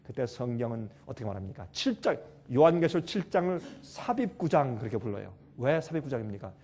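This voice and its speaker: A man preaching a sermon with emphasis, swinging between loud calls and quiet asides and putting questions to his listeners. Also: mid-range voice, sing-song, fast talker.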